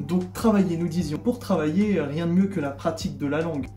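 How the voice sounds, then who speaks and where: A man's voice: a little high, moderate pace, mellow. A young man from France giving a comic vlog monologue in a sarcastic, mock-indignant way. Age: young adult. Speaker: vlogger. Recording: echoey room, faint background music.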